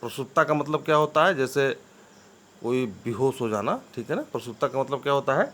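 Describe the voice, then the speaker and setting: A man gives an English vocabulary lesson at a mid-range pitch. He spells each word out slowly, letter by letter, and keeps checking that his students are following. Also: lively intonation, a bit bright. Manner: spells words letter by letter, often asks "ठीक है ना?".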